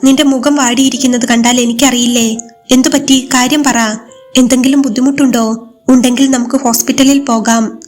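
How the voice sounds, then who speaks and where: A woman voicing a gentle devoted young husband. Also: sits high, steady tone, a little fast. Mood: tender worry. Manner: pleading, tender concern.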